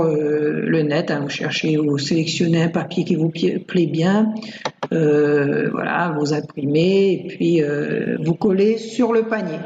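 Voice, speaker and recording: A woman teacher calmly walks parents through worksheets and a learning game, patient and hesitant, with many fillers. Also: lowish voice, slight background noise. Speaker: primary school teacher. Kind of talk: explaining worksheets in a screencast. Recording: roomy, dull lo-fi home recording.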